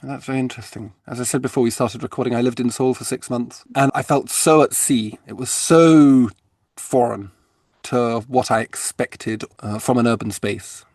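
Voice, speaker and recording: A man's voice: medium pitch, moderate pace, a little mellow, no room sound. Polite man hosting an architecture podcast. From Britain. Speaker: podcast host. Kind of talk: interview conversation.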